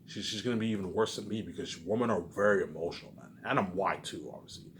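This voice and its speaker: Low-pitched and a bit bright, this male vlogger's voice moves at a quick pace through a casual, repetitive ramble aimed at his audience. He swears often, punctuating with emphatic bursts that trail into muttered tags, over a noticeably noisy background.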